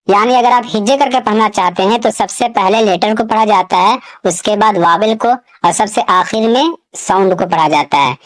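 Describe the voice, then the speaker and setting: A woman teaching a beginners' reading lesson, explaining step by step and sounding out each syllable slowly. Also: mid-range voice.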